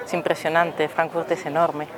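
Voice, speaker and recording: Outdoors on a city tower deck and in the streets, a travel vlogger casually narrates to camera about the city's landmarks and asks viewers questions. The mid-range voice is level and at normal speed, with a crowd in the background and low recording quality.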